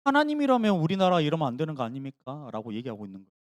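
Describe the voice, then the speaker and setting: A man's voice: on the high side, very fast, no room sound, studio quality. A man preaching a sermon as pastor, asking the congregation questions and acting out the voices of biblical figures. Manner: animated preacher acting out voices of Gideon and God. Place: church sanctuary.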